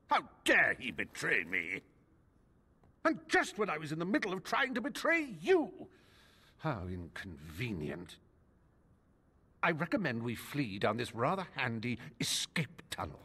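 A man's voice: a little high, huge pitch swings, measured pace, pushed and bright, slightly rough, long reverb tail, heavily acted. An actor playing a vain, treacherous male rogue in a video game, speaking in a pompous, theatrical drawl.

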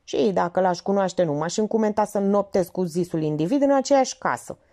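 A woman's voice: mid-range voice, mellow, natural voice. A woman reading the part of an ironic, joking young male police lieutenant.

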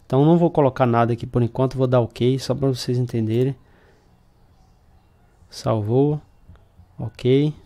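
A man's voice: mid-range voice, normal speed, long pauses, dark tone. A man with a Brazilian accent, a computer shop owner, casually walking viewers through setting up a router step by step. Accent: Brazilian Portuguese. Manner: casual, explanatory, talks through screen steps. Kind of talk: hands-on tech tutorial.

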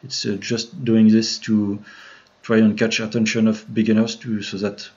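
A man's voice: fairly low pitch, flat delivery, moderate pace, a little mellow. A man with a French accent giving a live tutorial on CAD modeling, talking through each step with many fillers and restarts while greeting viewers in the chat. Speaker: 3D modeling streamer. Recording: dull lo-fi home stream audio.

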